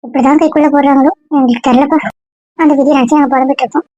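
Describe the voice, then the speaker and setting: A woman playing a high-voiced, grumbling stubborn woman. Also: fairly even intonation, very fast, darkish tone, no room sound, lightly acted. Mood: lamenting. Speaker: actor in a family comedy-drama skit. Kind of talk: casual web-series acting. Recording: dull lo-fi dry sound.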